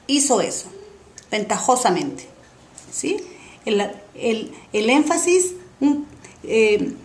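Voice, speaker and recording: A woman tutor drilling words slowly and repeating each one, often checking with a quick "¿sí?" or "¿ok?". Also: fairly high pitch. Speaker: Spanish tutor. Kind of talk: slow drilling of words in a recorded review lesson.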